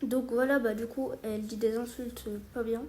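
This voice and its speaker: Casting: youngster for casual creator commentary, soft dark tone, hesitant informal delivery, slightly noisy recording. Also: medium pitch, level tone, normal speed. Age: child or young teenager. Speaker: video creator addressing subscribers. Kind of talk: casual spoken commentary to subscribers.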